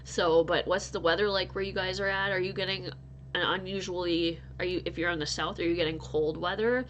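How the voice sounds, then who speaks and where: With a fairly low, bright-edged voice and fairly even intonation, a married North Dakota woman briskly chats through her casual crochet vlog. She's stuffy and still recovering from illness, rambling with lots of restarts and laughter. The audio has a little hiss or hum and its highs cut off.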